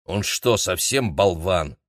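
A man voicing a mournful, fretful old hotel owner who laments and scolds in a low, slow voice. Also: expressive, dry recording, studio quality. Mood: aggrieved. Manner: lamenting, exasperated.

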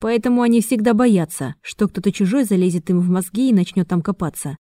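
A woman voicing a calm, self-assured male agent who explains things with conviction. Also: medium pitch, a little fast, dry recording, studio quality, natural voice. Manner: confident, explanatory.

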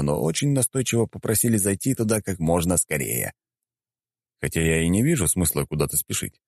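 Deep-voiced calm male storyteller. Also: no echo, studio quality. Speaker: audiobook narrator. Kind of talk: first-person fantasy audiobook narration.

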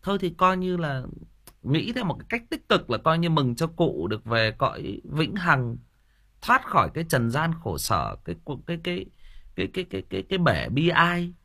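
Hosting an audiobook livestream, a man with a high-ish, sing-song, bright and pushed voice speaks at moderate pace. He chats playfully with listeners, rambling, stumbling over repeated fillers, and laughing at his own stories.

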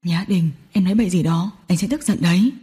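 Storybook: soothing young man, played by a woman, low, dark and soft. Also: fast talker, slightly rough. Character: gentle soothing young man, patient boyfriend.

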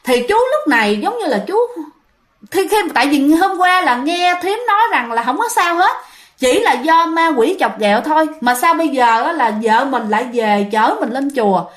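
Woman, Southern Vietnamese accent, high voice, very animated pitch, chatty ghost story narration. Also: normal speed. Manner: chatty, addresses listeners directly. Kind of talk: casual spoken ghost story retelling.

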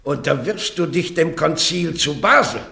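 In a 1950s-60s German radio drama, an actor plays a stern church prosecutor who solemnly admonishes and threatens a woman accused of heresy, growing heated as he interrogates her. His voice is a little high, expressive, gravelly, bright, and forceful at normal speed, heavily acted and reverberant.

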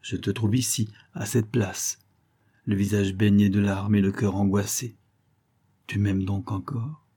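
A man reading the lines of a tender young wife who is gently reproachful, in a soft, pleading way. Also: on the low side, steady tone, measured pace, breathy edge.

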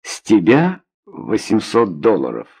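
A man voicing an impatient, unfriendly male pool player in an audiobook, gruff and slow. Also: on the low side, wildly swooping pitch, mellow, exaggerated voice.

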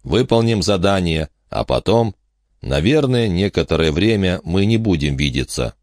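A man reading a novel aloud in the first person, with measured storytelling in a dry studio. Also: deep voice, big pitch swings, a little mellow, no echo. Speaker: audiobook narrator. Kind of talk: first-person scripted narration.

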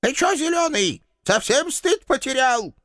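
A man reading an audiobook, voicing a cantankerous old village landlady who scolds and threatens in a shrill, creaky old-woman voice. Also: very animated, measured pace, a bit bright, no echo, clean studio sound, exaggerated voice. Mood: scolding.

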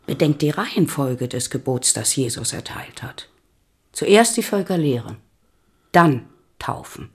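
A calm, breathy monk-physician. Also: female voice, deep voice, full character voice. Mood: measured. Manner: calm, measured, persuasive. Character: woman disguised as a young male physician-monk. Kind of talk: radio play acting.

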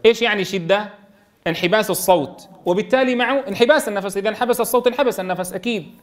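A man teaching Quran recitation to a class, quizzing students and sounding out letters slowly. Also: sits high. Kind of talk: classroom tajweed lesson.

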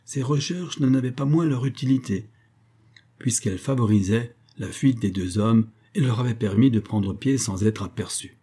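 A man reading an old adventure novel aloud in steady, measured narration. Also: mid-range voice, slightly rough. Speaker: audiobook narrator.

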